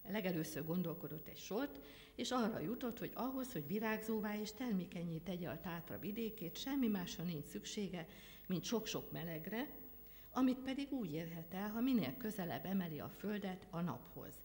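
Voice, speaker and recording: A woman reads a folk tale aloud in a lively, theatrical way. Her voice sits slightly low, and a long hall reverb trails each phrase. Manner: lively, dramatic delivery with voiced characters. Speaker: reader at a literary event. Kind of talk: expressive storytelling reading. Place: library event hall.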